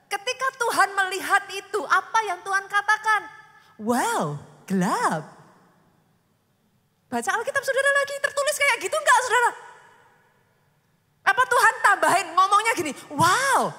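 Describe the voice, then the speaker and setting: A woman pastor delivers an animated sermon in a high, bright voice that leaps up and down. She keeps turning to the congregation and acts out quoted lines dramatically. A long church hall reverb trails each phrase. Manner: animated preaching, constantly addressing the congregation.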